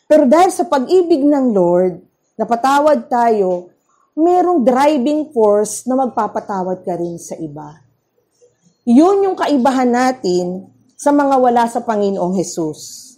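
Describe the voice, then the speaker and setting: A woman with a Filipino accent preaching a devotional at a prayer meeting, telling stories with lively rises and drops. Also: on the high side, measured pace. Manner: animated storytelling with sudden rises and drops. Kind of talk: devotional sermon.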